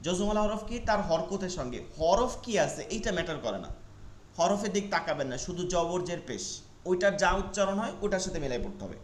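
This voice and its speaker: A man's voice: high voice, big pitch swings, slight background noise. Patient male Quran teacher, echoey. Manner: patient, repeats rules and spells letters slowly. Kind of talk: online class lesson.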